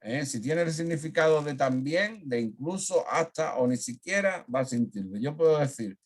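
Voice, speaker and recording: A man's voice: on the high side, expressive, normal speed. Man teaching grammar, saying "eh" often. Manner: frequent "eh" fillers, checks in with "¿eh?". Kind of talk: online grammar lesson. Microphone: video call.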